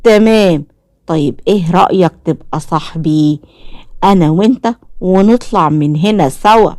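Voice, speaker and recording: A woman with an Egyptian accent voicing a sly, scheming man posing as a sheikh, talking slowly and coaxingly. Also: fairly low pitch, a little mellow, dry recording, studio quality, lightly acted. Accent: Egyptian Arabic.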